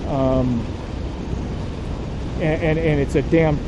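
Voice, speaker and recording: A man making a somber motorcycle vlog, talking slowly and haltingly and choking back emotion. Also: a little high, steady tone, background noise. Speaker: motorcycle vlogger.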